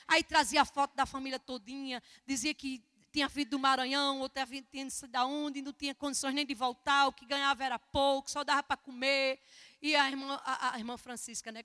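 A woman preacher telling a testimony in a sermon, animated storytelling that acts out dialogue, at a church service. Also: high voice. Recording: echoey church hall.

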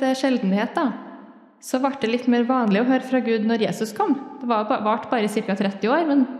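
A woman's voice: mid-range voice, a little mellow. Woman preaching in an echoey church. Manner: thoughtful, plain talk with many fillers. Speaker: church speaker. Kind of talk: sermon on prayer.

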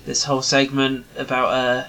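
A man's voice: medium pitch, completely flat delivery, normal speed, sharp tone, soft background music, rough recording. Rambling man on a podcast. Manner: rambling, many ums and restarts. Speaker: podcast co-host. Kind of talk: casual chat.

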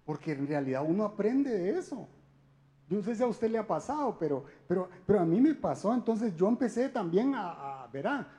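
A man's voice: sits high, big pitch swings, brisk, warm tone. A man giving a conversational sermon talk, speaking directly to his listeners with frequent rhetorical questions. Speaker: church speaker.

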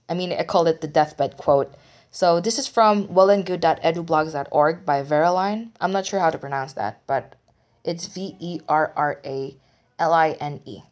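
A young woman hosting a solo podcast, talking in a candid, rambling, self-mocking way. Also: low voice. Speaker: podcast host.

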